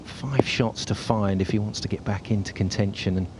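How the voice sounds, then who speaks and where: A man's voice: fairly low pitch, steady tone, moderate pace, noisy background. A man working as a golf commentator, describing tournament play as it happens.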